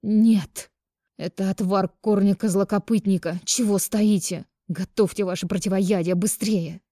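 A woman voicing a hysterical, scheming young woman in an audiobook, with a shrill, frantic, pleading manner. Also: steady tone, moderate pace, dark tone, no room sound, close to an everyday voice. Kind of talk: audiobook character reading.

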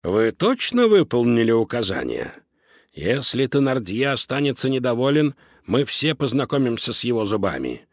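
A man voicing a bossy female sewer rat who works for a gang boss, sharp and demanding, in a storybook reading. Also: mid-range voice, big pitch swings, moderate pace, no echo, clean studio sound.

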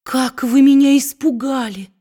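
Woman voicing a frightened storybook wife, tearful, pleading, raised pitch. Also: moderate pace, warm tone, lightly acted. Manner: tearful, imploring.

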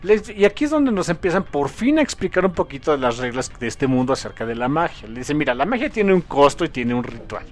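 A man co-hosting a casual comic review chat, animated and acting out characters' lines. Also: a little high. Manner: animated, acts out characters' lines in quick voices. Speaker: podcast co-host.

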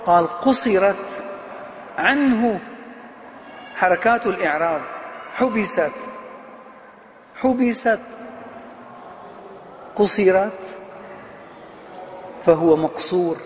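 A man with a high-pitched voice gives a classroom grammar lecture as a professor. He keeps asking his students questions and then answering them himself, and he draws out key words to stress them. His voice rings with a long reverb in a hall, over a faint hiss. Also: lively intonation, slow, long pauses.

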